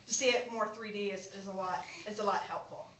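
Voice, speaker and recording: A woman's voice: mid-range voice, steady tone, fairly quick, fairly bright tone, slight background noise. A young adult woman, a college instructor, giving a chatty, informal classroom lecture with frequent laughs and restarts. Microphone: distant room mic. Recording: echoey classroom from far off.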